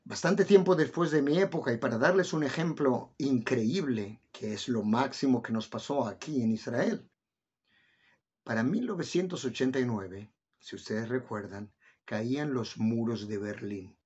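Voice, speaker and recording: A man's voice: mid-range voice, expressive, measured pace, darkish tone, slightly rough. A middle-aged man talking casually to viewers, asking them questions directly. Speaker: vlogger explaining life in the country. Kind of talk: casual explanatory talk to viewers. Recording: dull lo-fi recording.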